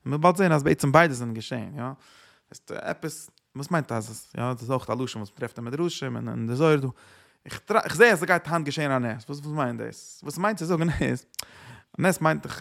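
A man giving an informal religious teaching, halting and repeating himself, with English words mixed in. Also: mid-range voice, creaky, fairly bright tone.

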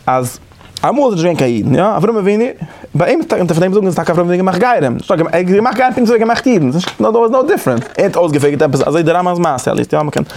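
Fast-talking gravelly man teaching a class. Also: high-pitched, expressive, darkish tone. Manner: halting, with frequent restarts and repeated words. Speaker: teacher leading a class discussion. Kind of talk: informal study-group lecture.

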